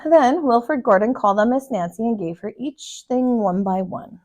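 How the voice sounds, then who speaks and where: A woman reading a children's storybook aloud with deliberate, emphatic, expressive storytelling. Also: on the high side. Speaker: storybook reader, kindergarten teacher.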